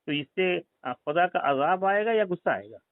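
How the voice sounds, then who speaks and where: A high-pitched man with big swings in pitch speaks at a moderate pace on a recorded phone line, with no echo. Acting as a caller, he badgers a religious group member in an argument about faith, repeatedly pushing leading questions.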